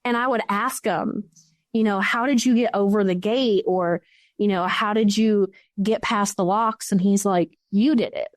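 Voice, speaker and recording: A woman tells her own ghost story as a guest, lively and quick to act out the voices of people in it. Her voice is mid-range for a woman. It sits close and dry on a podcast mic. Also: mid-range voice, dry recording. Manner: animated storyteller who acts out quoted speech. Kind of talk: recounting a personal ghost story.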